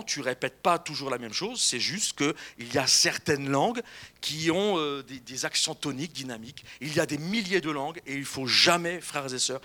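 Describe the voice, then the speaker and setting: A male pastor delivers a lively sermon, his voice pitched high and bright. He preaches with animated energy and slips into playful quoted voices to make his points.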